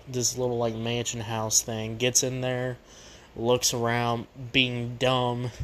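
A man hosting a casual, unscripted movie review, rambling and repeating himself, recorded on a poor makeshift microphone. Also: medium pitch. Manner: rambling, repetitive. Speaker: movie review show host. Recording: cheap makeshift mic, noisy background.

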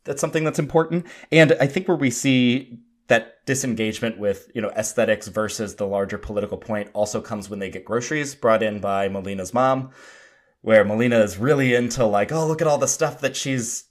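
A man's voice: lowish voice, brisk. Analytical man talking film. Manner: analytical, hands off to co-host by name. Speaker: podcast co-host. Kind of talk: casual film discussion.

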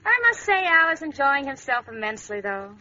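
A woman's voice: high voice, very animated, fairly quick, pushed and bright, exaggerated voice. An actress playing a sensible young woman with a dry, wry way of telling a story, in a 1940s radio comedy. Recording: hissy lo-fi old radio broadcast.

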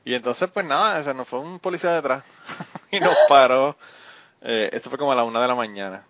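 A man, hosting a podcast in quick, laughing casual chat. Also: medium pitch, heavy background noise. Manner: fast-talking, laughs often. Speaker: podcast host. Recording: dull, slightly lo-fi audio.

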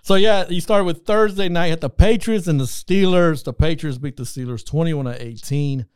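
A man co-hosting a sports podcast, chatting casually, laughing often and trailing off quietly. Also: on the high side, moderate pace, smooth, no room sound. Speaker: podcast co-host. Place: studio room on camera.

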